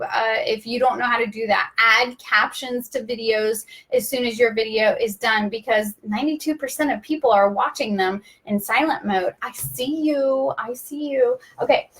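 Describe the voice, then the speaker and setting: A woman hosting a live online training, teaching in a rapid, chatty way and talking like an auctioneer to stay on time. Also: fairly high pitch, fairly bright tone. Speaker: social media video trainer. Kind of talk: casual live-stream teaching.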